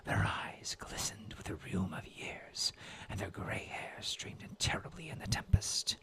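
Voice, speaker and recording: A man's voice: low voice, measured pace, sharp tone. Whispering young man reading old prose. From New England. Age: 20s. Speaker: storyteller. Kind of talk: whispered role-play.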